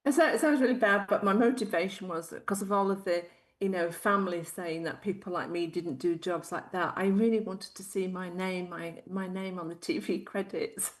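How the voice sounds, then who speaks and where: Thoughtful and quick to laugh, this middle-aged woman from Yorkshire, England, shares her life story as an interview guest in her Yorkshire accent. Her pitch is fairly low and she talks at a normal speed.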